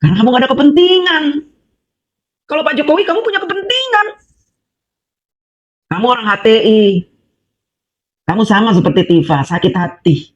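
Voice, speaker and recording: A woman rants straight at her opponents, scolding and mocking them and hammering on with repeated rhetorical questions. She speaks as an ordinary housewife with something to say. The recording is dull and lo-fi. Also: on the low side. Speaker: housewife voicing political opinion. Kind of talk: angry monologue addressed to critics.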